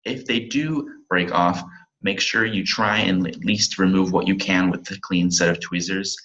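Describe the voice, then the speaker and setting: Young man, deep voice, crisp bright tone, slide presentation, reads with slips, muffled computer mic. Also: steady tone, normal speed. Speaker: pharmacy student presenter.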